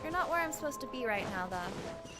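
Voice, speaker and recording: A woman's voice: a little high, expressive, fairly quick, rough recording. A young woman streaming a video game, chatting casually in a rambling, slangy way. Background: game music.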